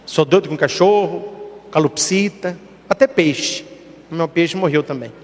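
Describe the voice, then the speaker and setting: High-voiced Brazilian priest preaching emphatically. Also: male voice, measured pace, big-room sound. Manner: emphatic preaching, acts out quoted voices in short stories. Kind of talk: sermon.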